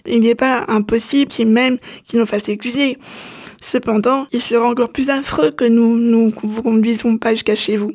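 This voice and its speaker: Une femme qui prête sa voix à un jeune garçon étoile sérieux et dévoué, sur un ton doux et suppliant. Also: female voice, on the high side, steady tone, normal speed, darkish tone, no echo, lightly acted. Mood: pressant. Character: young boy star, earnest and dutiful.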